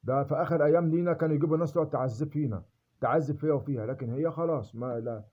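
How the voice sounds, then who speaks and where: A man's voice: a little high, rapid-fire, dark tone. A man with an Egyptian accent in a rambling personal monologue, emphatic and swearing oaths to be believed. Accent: Egyptian Arabic.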